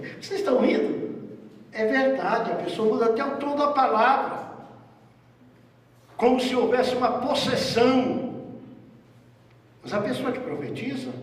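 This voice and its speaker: A high-voiced Brazilian man preaches in a relaxed, joking way. His voice carries through a big, echoing church hall, picked up from a distance by a mic far from him. The reverb rings long after each phrase. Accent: Brazilian Portuguese. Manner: conversational, jokes with the congregation. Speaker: pastor. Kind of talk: sermon.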